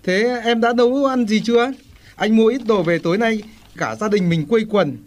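Man as a preachy middle-aged husband, fairly high voice. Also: normal speed, natural voice. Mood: earnest. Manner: earnest, lecturing. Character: earnest, lecturing family-man husband.

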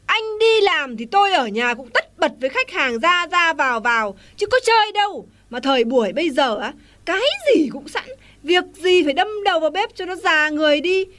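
Woman as a fussy, complaining middle-aged wife, high voice. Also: lively intonation, brisk, a bit bright. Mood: dismissive. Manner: complaining, exclaiming. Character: busy, dismissive middle-aged wife and mother.

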